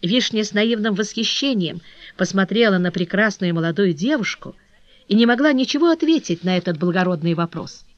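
A woman narrating a novel for an audiobook in an expressive, measured reading. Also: mid-range voice, no echo. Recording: dull dry lo-fi recording.

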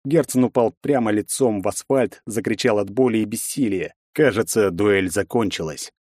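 A man narrating a first-person fantasy audiobook in a measured storytelling manner. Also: on the low side, a little mellow, no room sound, studio quality.

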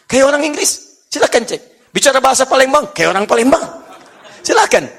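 A man preaching a sermon to a congregation, animated and playful, often laughing and mimicking how others speak. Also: extremely high pitch, a little fast, vocal fry. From Indonesia.

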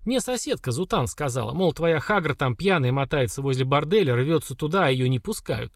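A man's voice: medium pitch, expressive, a little fast, dry recording, clean studio sound. A man voicing a stern, mocking older woman warrior who scolds the girls. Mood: scolding.

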